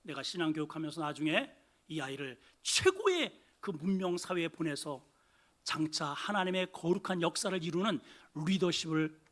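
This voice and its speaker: A man preaching a Sunday sermon as pastor, dramatic, swinging from loud exclamations to hushed asides. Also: a little high, expressive, moderate pace. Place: church sanctuary.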